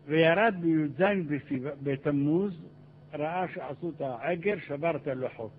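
An older man, a rabbi, giving a Torah lecture, telling stories and acting out the dialogue in a raised voice. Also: fairly high pitch. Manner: animated, acts out dialogue in raised voice. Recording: tinny phone-like archive recording with hiss.

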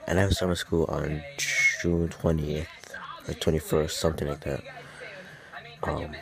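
Man, extremely low voice, halting casual vlog talk, close phone mic. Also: flat delivery, vocal fry, a crowd in the background. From Hawaii. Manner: casual, halting, many ums and restarts. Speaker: vlogger. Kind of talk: casual chat to camera. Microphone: phone held close to the face.

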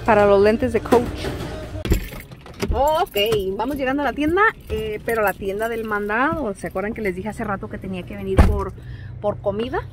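A middle-aged vlogger with a Mexican Spanish accent speaks at medium pitch and a moderate pace. She talks casually to her viewers, playfully teasing them, while steady background noise persists.

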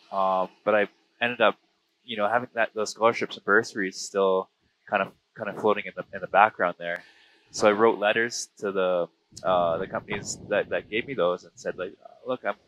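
A man in his thirties from British Columbia, Canada, with a western Canadian accent, talks on the lowish side with a slightly bright tone. He is an interview guest, a diver and filmmaker, casually telling stories into an aviation headset boom mic in a small plane cockpit in flight. The close headset intercom audio is poor, with a little hiss or hum.

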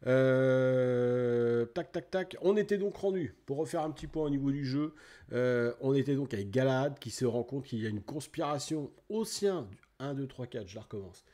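Chatty middle-aged male streamer, mellow voice. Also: mid-range voice, animated, normal speed. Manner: chatty, greets viewers by name, fillers like "tac" and "hop là". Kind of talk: casual let's play chat.

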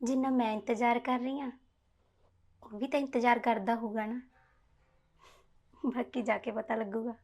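A young woman plays a lovestruck schoolgirl in a family drama, playful and coaxing with her mother. Her voice is very high and light. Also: darkish tone. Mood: dreamy. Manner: playful, coaxing, talks to herself. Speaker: daughter. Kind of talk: village family drama acting.

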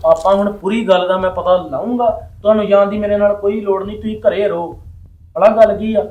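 A man's voice: high voice, steady tone, fairly quick, narrow, tinny audio, faint music behind, lightly acted. A man playing a son-in-law in a family drama, insistent and reassuring, repeating himself as he talks. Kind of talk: Punjabi family web drama acting.

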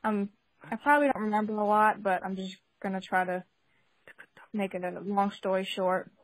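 A woman's voice: mid-range voice, fairly even intonation, normal speed, dry recording. Giggly young woman on a phone line. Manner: chatty and giggly, many fillers and restarts. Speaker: caller sharing a testimony. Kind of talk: casual spoken testimony.

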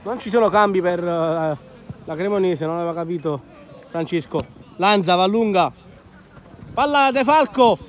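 A man's voice: high voice, lively intonation, moderate pace, pauses often. A man giving live amateur football commentary outdoors, in short clipped phrases naming the players. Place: outdoor floodlit football pitch at night.

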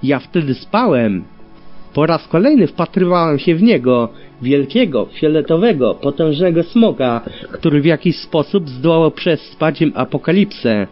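A man reading a story aloud as an audiobook, telling it in an expressive way. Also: a little high, moderate pace. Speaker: audiobook reader. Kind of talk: scripted narration of fan fiction. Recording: dull lo-fi with faint music.

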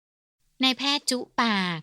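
A woman narrating a humorous period novel as an audiobook reader, with a steady storytelling delivery. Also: moderate pace, no echo, studio quality. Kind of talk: scripted narration.

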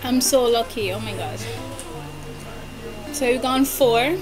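A woman's voice: a little high, takes it slowly. A young woman chatting casually as she hosts a challenge, eating candy and reacting to it as she talks. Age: young adult. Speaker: challenge video host. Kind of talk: casual chat. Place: bedroom, indoors. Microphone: camera across a small table. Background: music in the background.

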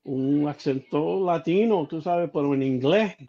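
A man being interviewed as a guest musician, speaking slowly in a relaxed way and laughing easily. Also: a little high, vocal fry, a crowd in the background. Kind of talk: casual interview conversation. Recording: dull lo-fi audio.

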